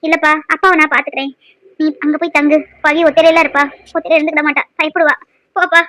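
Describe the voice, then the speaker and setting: Lady doing a very high-pitched, fast-talking cartoon mom, dramatic and sharp-tongued. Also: little pitch movement, no echo. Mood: firm. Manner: scolding, wailing lament. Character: sharp-tongued middle-aged mother, dramatic. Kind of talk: cartoon voice acting.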